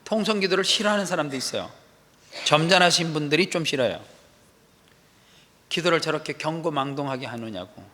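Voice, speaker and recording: A man preaching an animated sermon as a pastor, acting out quoted voices with sudden loud outbursts. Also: on the high side, a little fast, long pauses. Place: church sanctuary. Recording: long echo of a large hall.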